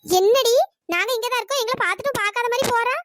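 Cartoon village busybody, very high-pitched, fast and shrill, teasing and scolding, played by a performer. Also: pushed and bright, dry recording, studio quality. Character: sharp-tongued village women gossiping, loud and teasing. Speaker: cartoon characters. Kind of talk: cartoon comedy dialogue.

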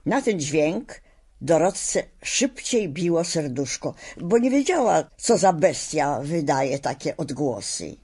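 A woman narrating a children's storybook audiobook in a measured, expressive way. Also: low-pitched, husky.

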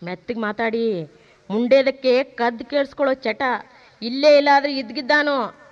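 An actress playing a sharp-tongued, scheming wife who makes sarcastic quips and trades in proverbs. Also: female voice, sits high, normal speed, natural voice. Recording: dull lo-fi drama recording.

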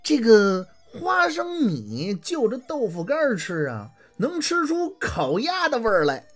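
A woman voicing a condemned old male scholar who is sly, teasing and unafraid, in a lowered voice. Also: wildly swooping pitch, measured pace, faint music behind, exaggerated voice.

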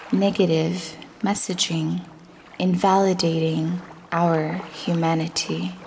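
Slight background noise accompanies a woman leading a guided meditation with affirmations in a fairly low, darkish voice. Her manner is slow and soothing, now and then breathy and almost whispered.

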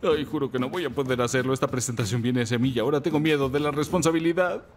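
An actor playing an anxious, whiny grown son who dodges responsibility, in a Spanish-dubbed TV drama. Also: male voice, mid-range voice, fast talker, faint music behind, natural voice. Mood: fretful. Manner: whining, melodramatic complaints.

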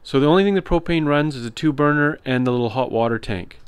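A man giving a relaxed walkthrough of his trailer build, explaining as he goes with some fillers. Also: a little high, fast talker, smooth, no room sound. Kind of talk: casual walkthrough tour. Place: inside a converted cargo trailer.

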